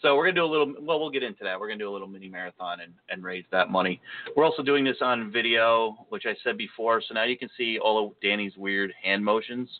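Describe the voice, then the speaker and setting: In tinny phone-like audio, a fast-talking man with a lowish voice hosts a casual podcast. His humor is self-deprecating and jokey.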